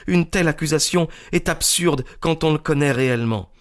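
A man's voice: on the high side, a little fast, pitched above the performer's own voice, close to an everyday voice. A man voicing an agitated young woman in a storybook reading, pleading urgently in a raised voice. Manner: pleading, breathless insistence.

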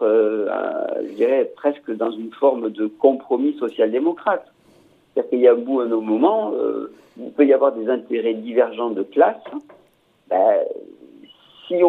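A man commenting in a radio discussion, his voice husky and slightly breathy. He comes through a narrow, tinny telephone line and talks in a halting way, repeating words and filling pauses. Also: medium pitch. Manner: hesitant, repeats words, many fillers.

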